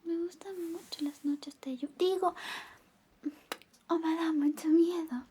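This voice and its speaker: In this Spanish whispered-attention roleplay, a woman voices a high, breathy, flirtatious best friend, shifting between soft whispering and a gentle speaking voice. Her tone stays steady and a bit slow, affectionate and intimate as she coaxes and lingers.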